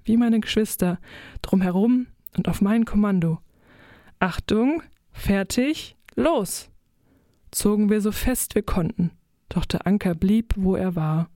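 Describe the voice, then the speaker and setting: A woman reading a children's story aloud in a mellow, warm voice, gentle and expressive. She tells it in the first person as a little fish. The recording is close and dry, with no room sound. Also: mid-range voice, no echo. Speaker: narrator. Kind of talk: audiobook narration of a children's story.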